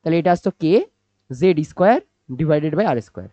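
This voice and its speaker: A man teaching physics, explaining slowly and repeating points, asking questions and answering them himself. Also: on the high side, lively intonation, dark tone, no room sound. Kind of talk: classroom-style physics lecture. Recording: dry, slightly dull recording.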